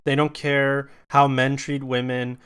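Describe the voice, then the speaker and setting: A man's voice: medium pitch, unhurried, clear, resonant tone. A young man co-hosting a podcast, venting bluntly with frequent swearing in casual chat. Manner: blunt, profane, animated venting. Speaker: podcast co-host.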